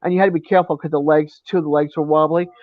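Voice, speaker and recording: Male live-chat co-host, high voice, dry lo-fi audio, lively storyteller. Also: rapid-fire, no echo. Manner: animated storyteller, laughs often. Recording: dry, dull lo-fi sound.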